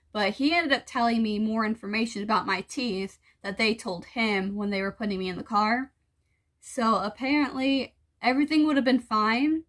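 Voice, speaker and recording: A woman's voice: fairly high pitch, a bit bright. A woman talking casually to viewers in a personal vlog, explaining things in a conversational, mildly exasperated way. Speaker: vlogger.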